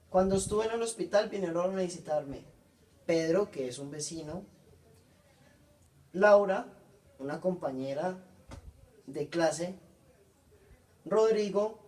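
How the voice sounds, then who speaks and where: A man, reading out a class presentation on punctuation and coherence, pausing often and correcting himself. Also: fairly high pitch, darkish tone, recorded from a distance. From Colombia. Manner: halting, frequent self-corrections.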